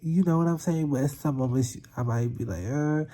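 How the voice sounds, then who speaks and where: A woman's voice: a bass voice, brisk, mellow. A young woman chatting casually to viewers as a vlogger, with a slight lisp from wearing a retainer and loosely articulated, slightly slurred words. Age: young adult. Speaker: YouTube vlogger.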